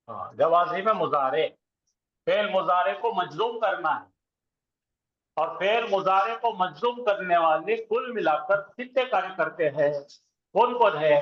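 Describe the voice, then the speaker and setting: A man teaching Arabic grammar to a class. He quizzes the students with call-and-response questions and chants verb conjugations in rhythmic lists. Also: sits high. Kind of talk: classroom lecture. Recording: roomy, dull lo-fi classroom recording.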